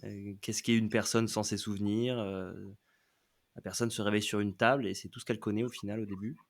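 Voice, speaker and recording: A man, a podcast guest, explaining a series in a casual, hesitant way with many pauses. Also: on the low side, steady tone. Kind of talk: casual chat.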